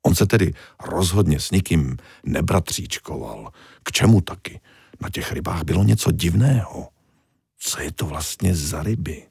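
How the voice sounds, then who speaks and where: A man reading a children's storybook aloud with even, gently humorous narration. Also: low voice, creaky, breathy edge, no room sound, studio quality.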